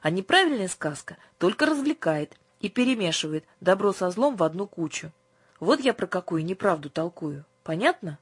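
A woman reading an audiobook, voicing an earnest young male seminary student who sells books and speaks in a gently instructive way. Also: fairly low pitch, very animated, normal speed, husky, no room sound. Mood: lecturing.

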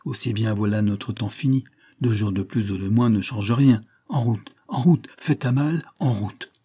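A man's voice: on the low side, normal speed, mellow, breathy edge. A man reading an audiobook, voicing a brash, mocking young man who pushes his impatient friend to leave. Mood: urging. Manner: pushy and jeering.

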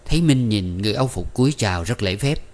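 A man narrating a novel in a measured storytelling manner. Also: lowish voice, expressive, a little mellow. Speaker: audiobook narrator. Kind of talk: scripted narration.

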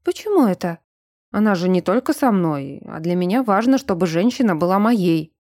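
Woman doing a gruff, blunt werewolf man. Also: on the low side, big pitch swings, normal speed, a little mellow, no room sound, studio quality. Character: gruff young man, werewolf, teasing and hot-tempered.

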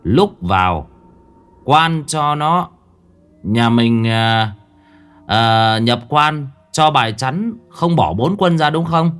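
A man's voice: lowish voice, very animated, a little slow, long pauses, fairly bright tone. A man voicing a stern male spirit medium who scolds the family and questions a ghost. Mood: scolding. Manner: scolding, brusque.

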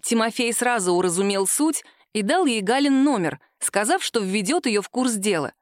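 A woman reading an audiobook narration in a measured, unhurried storytelling manner. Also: on the high side, animated, no room sound, studio quality.

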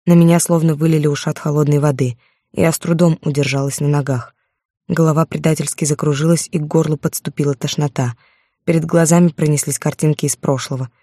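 A woman narrating a first-person romance novel in a steady storytelling voice, on a close microphone. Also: deep voice, a little fast, no echo. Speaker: audiobook narrator.

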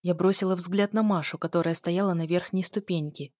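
Woman narrating a story, kinda low voice, dry close sound. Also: fairly even intonation, a little fast, a little mellow, dry recording. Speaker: audiobook narrator. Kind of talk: first-person scripted narration.

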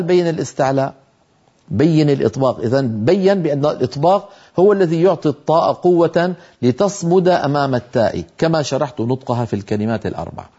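A Quran recitation teacher, a man with a warm, mellow, somewhat high voice, patiently teaches tajweed, explaining how Quranic sounds are formed and slowly sounding out example syllables. The recording is a little dull and lo-fi.

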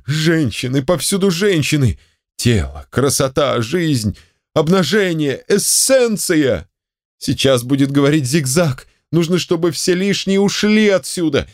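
A man's voice: on the high side, no room sound, studio quality, voice pushed up. A man doing a frenzied, raving young man. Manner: raving, breathless exclamations.

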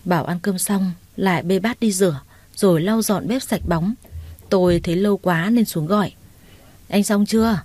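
A woman reads a first-person romance story aloud in an expressive way, acting out the quoted lines. Her voice is mellow and warm. The recording is dry and close, with no room echo. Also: on the low side, moderate pace. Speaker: story narrator.

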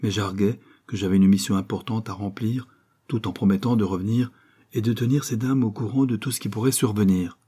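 A man narrating a classic novel as an audiobook, reading in a measured, descriptive way. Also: on the low side, mellow, breathy edge. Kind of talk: scripted literary narration.

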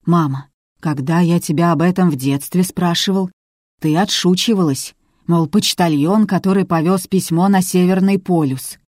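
A woman's voice: on the low side, normal speed, a little mellow, dry recording, clean studio sound, close to an everyday voice. A woman voicing a young male house manager who asks hesitant, hurt questions. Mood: bewildered.

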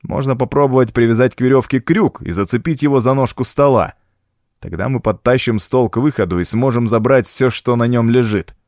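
A man's voice: medium pitch, brisk, a little mellow, no echo, studio quality, natural voice. A man voicing a cool-headed male pirate officer in an audiobook, terse and commanding. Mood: planning.

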